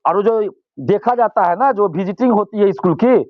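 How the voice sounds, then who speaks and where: Man, high voice, dry and dull lo-fi sound, emphatic and repetitive. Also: normal speed, dry recording. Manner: emphatic, repeats phrases for force. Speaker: student leader. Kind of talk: impassioned interview answers.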